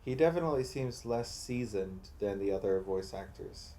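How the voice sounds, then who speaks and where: A man's voice: on the low side, lively intonation, moderate pace, mellow, a little hiss or hum. A man casually commentating on a video game as a streamer, musing and thinking aloud off the cuff.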